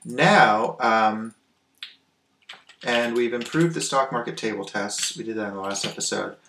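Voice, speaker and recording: A man hosting a programming screencast, thinking aloud in a relaxed way with frequent ums and restarts. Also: mid-range voice, unhurried, reverberant, noisy background. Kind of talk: casual coding walkthrough.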